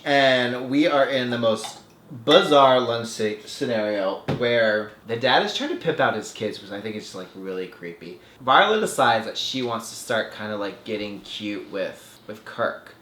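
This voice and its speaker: A man's voice: medium pitch, lively intonation, normal speed, fairly bright tone, slight background noise. Guy snarkily recapping a movie, acts out the lines, echoey room. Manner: sarcastic, acts out the characters. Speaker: film podcast host. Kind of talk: casual film recap.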